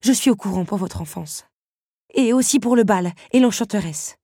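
A woman's voice: expressive, normal speed, warm tone, breathy edge, no echo. A woman voicing Belle, a stubborn, fiery young woman, in an audiobook reading. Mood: insistent. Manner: pleading and indignant, raised pitch.

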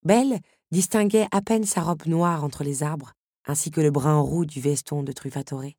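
A woman narrates a novel in a measured, even way. Her voice is low and husky, recorded dry and close with no room sound. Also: dry recording. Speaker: audiobook narrator. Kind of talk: novel read aloud.

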